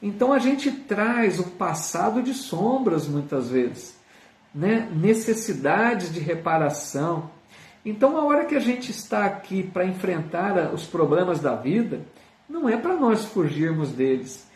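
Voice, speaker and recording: A man with a Brazilian Portuguese accent leads a live online Spiritist study, teaching earnestly, using frequent tag questions, and reading viewer comments aloud. His high voice is sing-song and unhurried. The sound is roomy, with him far from the mic.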